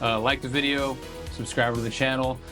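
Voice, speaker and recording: A man's voice: medium pitch, flat delivery, normal speed, music in the background. A man hosting a casual beer-tasting review video, talking in a laid-back, profane, slangy way.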